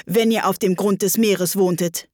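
A woman's voice: medium pitch, steady tone, normal speed, a little mellow, no room sound, clean studio sound, lightly acted. A woman voicing a curious young girl in a storybook reading, speaking in an earnest, questioning way. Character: curious polite young girl, easily ruffled.

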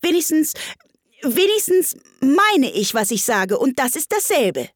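A woman's voice: high-pitched, sing-song, measured pace, no room sound, pitched above the performer's own voice. A woman voicing a curious, polite young girl in a storybook reading, with a raised, eager tone. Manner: eager, raised, bright girlish voice.

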